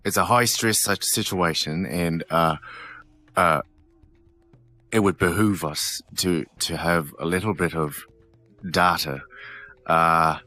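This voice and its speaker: A man playing a tabletop game, talking casually in a halting, hesitant way. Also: deep voice, fairly even intonation, bright, forceful tone, faint music behind. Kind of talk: in-character casual game talk.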